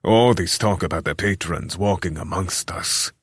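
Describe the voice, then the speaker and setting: A man voicing a bearded ruler with a deep voice, blunt and distrustful. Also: moderate pace, husky, dry recording, clean studio sound, heavily acted. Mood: wary. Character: bearded male ruler, gruff and wary.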